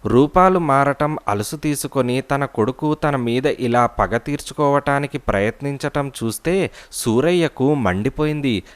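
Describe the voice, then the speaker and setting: A man narrating a storybook audiobook in a measured storytelling manner. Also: medium pitch, expressive.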